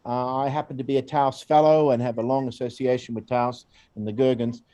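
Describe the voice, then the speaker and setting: An Australian man with a medium-pitched, level voice and a brisk pace directs a program. In an informal recorded presentation he chats and rambles, warmly encouraging his colleague to open up.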